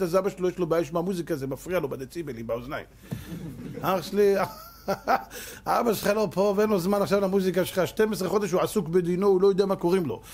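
A male rabbi delivers a sermon through lively storytelling. He acts out each person's lines and laughs often, on a slightly high voice. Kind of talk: sermon with acted-out stories.

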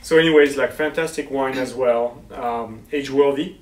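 A man co-hosting a casual wine tasting chat, joking and telling relaxed stories. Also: mid-range voice, moderate pace. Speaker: wine buyer and co-host. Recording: echoey room, far mic, faint noise.

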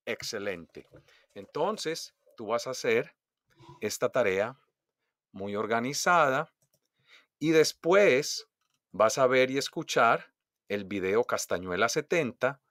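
A man teaching a recorded language lesson, reading words slowly and exaggerating each stressed syllable for dictation. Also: mid-range voice, lively intonation, fairly bright tone, no echo, clean studio sound. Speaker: Spanish teacher.

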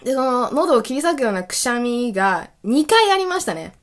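A woman hosting a casual solo radio talk, telling stories in an animated way and laughing often. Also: fairly high pitch, brisk. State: recovering from illness. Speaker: podcast host.

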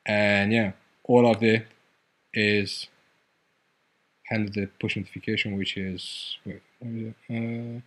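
In an unhurried, level, lowish voice, a man walks through his app in a screen-recorded coding tutorial. His delivery is loose and hesitant, full of fillers and false starts.

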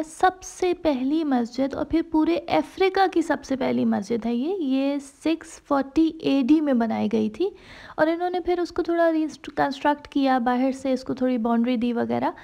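A high, mellow, creaky female voice moves along at normal speed. The speaker is a woman travel vlogger narrating her journey in a casual, chatty Hindi-Urdu with English phrases mixed in and plenty of fillers.

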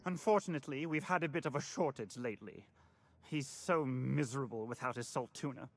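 A man's voice: mid-range voice, a little fast, close to an everyday voice. An actor voicing a fussy, pampering upper-class man who frets over his pet in a game, talking in a prim and anxious way. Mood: fretful. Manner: prim, fretful, posh.

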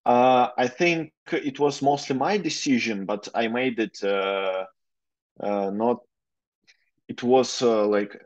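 A man's voice: mid-range voice, slow. A man in his twenties with a Russian accent, answering interview questions hesitantly with many fillers, speaking Russian as his first language. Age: 20s. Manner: hesitant, many fillers, careful non-native phrasing. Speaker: guest lawyer. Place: plain room, indoors. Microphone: video call. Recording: dull lo-fi video call audio.

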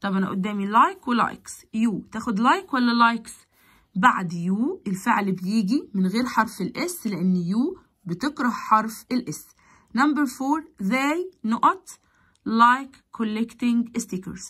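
A woman's voice: fairly high pitch, lively intonation, unhurried, a bit bright, husky. A woman English teacher with an Egyptian Arabic accent, explaining grammar to primary pupils, patient, repeating key words and quizzing the class.

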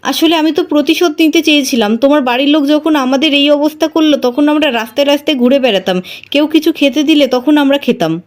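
A woman's voice: sits high, fast, close to an everyday voice. A woman voicing a bitter young husband who drinks, who sneers at his wife and later begs her forgiveness. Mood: pleading. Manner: sneering taunts, then pleading. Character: bitter drunken young husband, cruel then begging.

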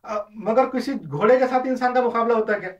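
A man's voice: extremely high pitch, a little fast. A man gives an informal religious lesson, explaining with examples and often hesitating or restarting. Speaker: religious lecturer. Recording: distant, dull lo-fi.

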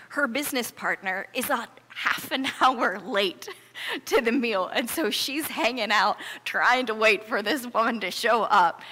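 Preaching before a congregation in a church sanctuary, this middle-aged American pastor speaks with a voice that sits on the high side, pushed and bright. Her sermon unfolds as emphatic, earnest, conversational storytelling, and the hall around her is reverberant.

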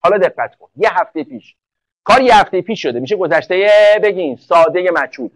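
A male teacher with a high voice runs an online class lecture, recorded dry and close. He drills students with rapid questions and often answers them himself. When he reaches example sentences, he slows down to lay out each word. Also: expressive, no echo, poor audio. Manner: slows right down to spell out English sentences. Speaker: English teacher.

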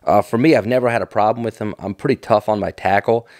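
A middle-aged American man who vlogs about fishing tackle offers casual, off-the-cuff commentary that's folksy, enthusiastic and nostalgic. His voice sits fairly low and comes out fast and a little mellow. The studio-quality recording has no echo.

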